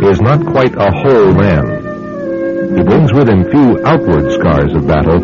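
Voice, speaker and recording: Vintage radio horror narrator, grave and ominous, expressive range, dull old broadcast sound. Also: male voice, low voice. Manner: solemn, dramatic, ominous storytelling. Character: grave male narrator of a radio terror tale. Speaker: narrator and host of a radio drama.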